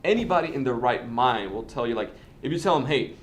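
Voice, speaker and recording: This host is a Dominican man in his twenties whose first language is Spanish, speaking in an expressive, mid-range voice. In a casual interview-and-tutorial setting, he talks quickly, packing in fillers and starting sentences over many times.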